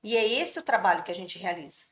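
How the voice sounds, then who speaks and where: A woman's voice: mid-range voice, animated, quick pace. A woman on a podcast earnestly explaining workplace mental health as a guest, sometimes acting out what people say. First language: Brazilian Portuguese. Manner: earnest, acts out quoted speech. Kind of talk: explanatory conversation.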